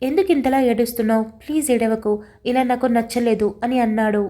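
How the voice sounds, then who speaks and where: A woman voicing a confused young man who speaks hesitantly and gently in a storybook reading. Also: a little high, fast talker, lightly acted. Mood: soothing.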